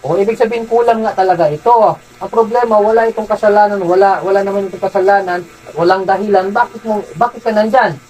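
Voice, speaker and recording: A faith healer from Zamboanga City, a man who interrogates a spirit with insistent, repeated questions and sharp commands. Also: high voice, fast talker, faint music behind, rough recording. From Zamboanga City, Philippines. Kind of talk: healing session, interrogating a spirit.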